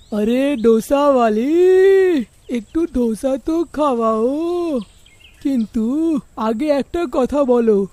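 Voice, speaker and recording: Cartoon village husband, high and mellow, slow, dry sound, woman voicing him. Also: dry recording. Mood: coaxing. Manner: jovial, coaxing. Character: easygoing teasing village husband. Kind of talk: cartoon voice acting.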